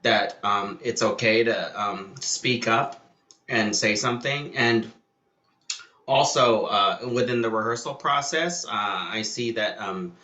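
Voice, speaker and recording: A man's voice: lowish voice, takes it slowly, roomy sound. A man moderating a panel who speaks hesitantly, filling his sentences with "um" as he praises the cast. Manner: warm praise, hesitant, many "um"s. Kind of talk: panel discussion.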